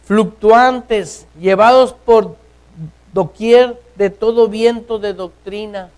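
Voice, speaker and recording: A man preaches a sermon in church. He keeps throwing rhetorical questions at his listeners. His delivery rises to loud, urgent stretches and then drops to hushed, slow lines. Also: high-pitched, fairly even intonation, clear, resonant tone, low-quality recording. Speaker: pastor.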